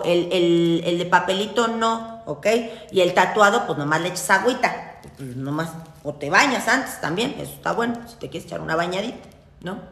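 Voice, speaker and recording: A woman's voice: mid-range voice, fairly bright tone, reverberant. Chatty Mexican woman, salty slang. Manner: chatty and salty, teasing her viewers with slang; laughs often at her own jokes. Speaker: witchcraft teacher. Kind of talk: casual spoken ritual tutorial.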